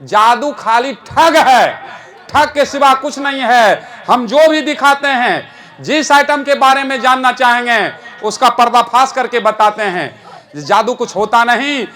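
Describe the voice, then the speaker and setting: A stage magician and rationalist speaker performs a live magic show, joking with the audience and a boy while giving them orders as he explains the tricks. His voice is very high-pitched and bright, with a forceful tone and an unhurried delivery.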